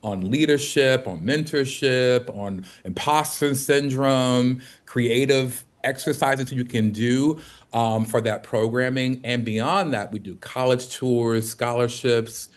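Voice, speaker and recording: A man hosting a casual livestream chat as co-CEO, upbeat, chatty and quick to laugh. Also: mid-range voice, steady tone. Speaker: co-CEO and host. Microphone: video call.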